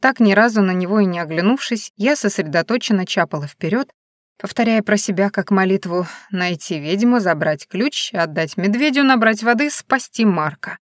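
A woman narrating a first-person story in a wry, expressive way. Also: mid-range voice, normal speed, dry recording, clean studio sound. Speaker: audiobook narrator.

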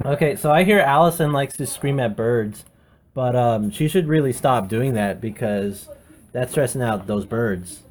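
A man's voice: medium pitch, animated, unhurried, a little hiss or hum. Man teasing in a playful mock lecture. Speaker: executive producer. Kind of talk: comic banter.

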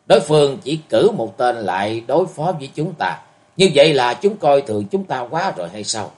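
A man voicing a calm, resolute young swordsman, speaking firmly and reassuringly. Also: mid-range voice, normal speed, pitched above the performer's own voice, lightly acted. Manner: calm, firm, gently reassuring.

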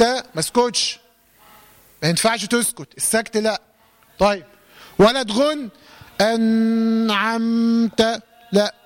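A man with an Egyptian Arabic accent teaching Quran recitation to a class, quizzing them with questions and demonstrating words slowly. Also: high voice. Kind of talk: lesson to a class.

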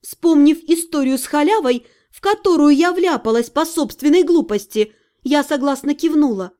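High-voiced woman narrating a story. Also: moderate pace, dark tone. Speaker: audiobook narrator. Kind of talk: first-person fiction narration.

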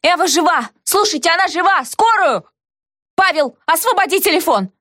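A woman's voice: mid-range voice, lively intonation, dry recording, clean studio sound, natural voice. A woman reading aloud and voicing the indignant heroine, who snaps back in a raised, exasperated voice. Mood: alarmed. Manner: exasperated, raised voice, quick retorts.

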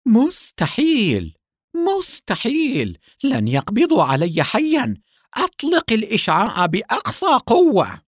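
A man voicing a tall, ruthless male villain who shouts threats and mocks his enemy. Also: fairly low pitch, very animated, normal speed, breathy edge, no echo, clean studio sound. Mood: furious.

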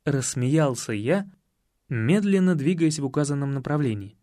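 Man, audiobook narrator, slightly high voice, dry studio sound, wry measured delivery. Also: expressive, mellow, no room sound. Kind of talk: first-person audiobook narration.

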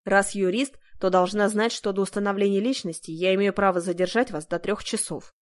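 A woman's voice: medium pitch, steady tone, a little fast, natural voice. A woman voicing a stern, weary male police investigator with a dry, tired manner, read for an audiobook.

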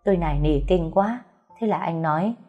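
A woman reading a first-person story aloud, softly, voicing the dialogue now and then. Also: on the low side, a little fast. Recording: faint music behind.

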